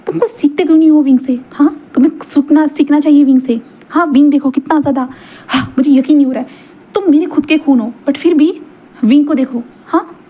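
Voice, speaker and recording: A woman's voice: high voice, fairly quick, mellow, voice pushed up, natural voice. A woman voicing a stern, scolding middle-aged father who lectures his son and keeps repeating a curt "haan" between reproaches.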